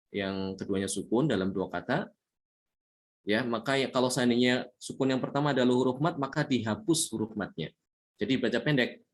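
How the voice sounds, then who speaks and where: A man teaching a tajwid lesson, explaining patiently, repeating points and slowly chanting Arabic examples. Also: medium pitch. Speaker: Quran recitation teacher.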